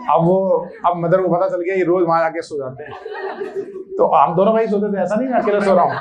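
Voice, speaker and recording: A man's voice: sits high, dull audio. A man telling funny childhood stories in a casual, chatty way, laughing often and checking in with his listeners. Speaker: storyteller recalling childhood. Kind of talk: casual anecdotal storytelling.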